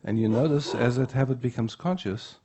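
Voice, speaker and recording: A man giving an unhurried spiritual teaching talk at a retreat. He often checks in with the room by asking "yeah?". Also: mid-range voice, warm tone, breathy edge.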